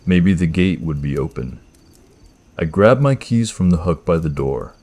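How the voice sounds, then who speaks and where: A man narrating a first-person horror story in a tense, measured scripted style. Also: low voice, lively intonation, a little mellow.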